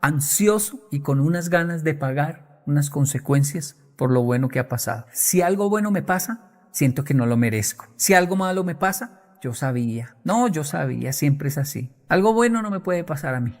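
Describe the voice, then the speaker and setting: A man's voice: on the high side, expressive, normal speed, hardly any pauses. A man giving a motivational talk on stage to an audience, emphatic and acting out the voices of the people he quotes. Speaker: motivational speaker.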